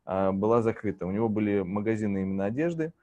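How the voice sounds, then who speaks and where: A man's voice: lowish voice, lively intonation, quick pace, dark tone, dry recording. A man, a business owner, talking casually as a guest on a video call, hesitant, with many fillers and chuckles. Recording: dull lo-fi call audio.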